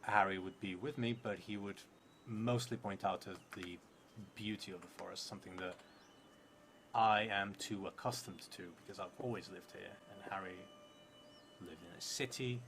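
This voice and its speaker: The clip is noisy, captured in a theatre room where a thirtysomething man at a table spins a story aloud for a solo tabletop game he plays and streams. He speaks low and a bit bright at a moderate pace, pondering as he goes and often leaving thoughts unfinished.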